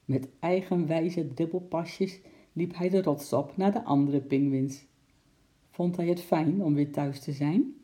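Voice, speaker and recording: A man reading a children's story aloud in lively storytelling style, switching into voices for the characters. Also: a little high, a little slow. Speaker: narrator.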